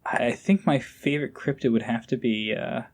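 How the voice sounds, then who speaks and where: In a casual interview chat, a man who is an amateur voice actor talks as a podcast guest with a mid-range voice at normal speed. He comes across informal, somewhat hesitant, and enthusiastic.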